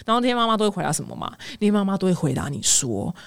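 A young woman with a Taiwanese Mandarin accent rattles along at high speed, her pitch swooping up and down as she teases and rants. The sound is close and dry, with no room around her voice. She talks like a podcast host sharing opinions with friends. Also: racing, gravelly, no room sound. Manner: animated, teasing, ranting asides. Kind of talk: casual opinionated commentary.

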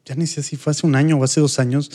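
A man co-hosting a casual podcast, thinking aloud with frequent pauses, restarts and tag questions. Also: fairly high pitch, little pitch movement, darkish tone. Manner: hesitant, searching for words, many tag questions. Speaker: podcast co-host.

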